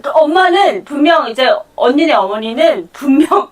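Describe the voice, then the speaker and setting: A fairly high woman's voice, picked up a little away from the mic, hosting a relaxed chat. She listens closely, answers with short reactions, and laughs along with her guest. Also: normal speed, far from the mic, a crowd in the background. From North Korea. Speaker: host. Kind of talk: casual chat. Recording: voice a bit off-mic.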